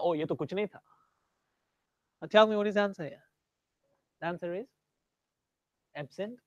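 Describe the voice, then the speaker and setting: A man's voice: high voice, dry recording. A man with an Indian accent teaching an English grammar class. He switches between English and Hindi and quizzes students by name.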